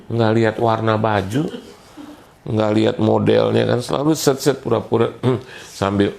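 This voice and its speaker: A male pastor tells a story as his sermon, speaking in a low voice with heavy vocal fry. He's animated and jokey, performing the voices of the characters he quotes.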